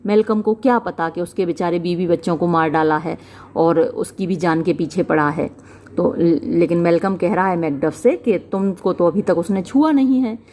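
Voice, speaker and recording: A woman teacher explaining a play line by line, reading each English phrase slowly and then glossing the words one by one. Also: lowish voice, a little mellow, slight background noise. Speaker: literature teacher.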